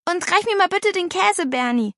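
A woman voicing an excitable little girl with a big appetite, coaxing and eager in an audiobook. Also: very high voice, moderate pace, no echo, clean studio sound, voice pushed up, heavily acted.

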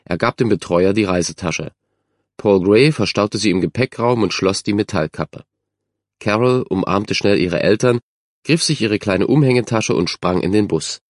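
A man giving scripted narration of a children's story in a measured, even way. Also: fairly low pitch, no echo, studio quality. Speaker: audiobook narrator.

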